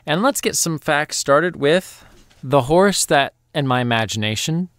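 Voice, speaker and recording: A man hosts a children's science podcast, explaining facts step by step in a playful, friendly manner. His voice is on the high side, animated and fairly bright, clear and resonant, delivered at a measured pace in a dry recording.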